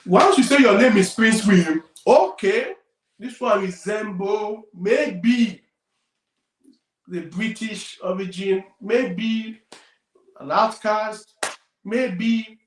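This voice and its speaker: Nigerian male career coach, emphatic and repetitive, slightly high voice, roomy distant pickup. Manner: emphatic, repeats key points, loudness swings widely. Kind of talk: career advice talk.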